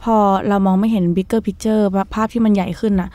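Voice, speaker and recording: A young woman as a podcast guest, arguing her points passionately and fast. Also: mid-range voice, level tone, mellow, dry recording. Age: young adult. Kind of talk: casual discussion.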